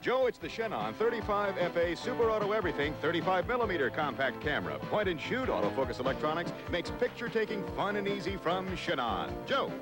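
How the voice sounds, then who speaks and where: A man announcing prizes on a game show in a smooth, promotional delivery. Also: sits high, sing-song, a little fast, hardly any pauses. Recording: game show studio with loud music and audience.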